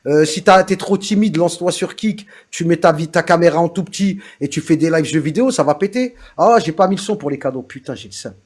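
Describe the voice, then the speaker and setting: A man's voice: on the high side, fast talker, few pauses, darkish tone. A man with a French suburban street accent hosting a casual livestream chat in heavy street slang peppered with oaths. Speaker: livestream host.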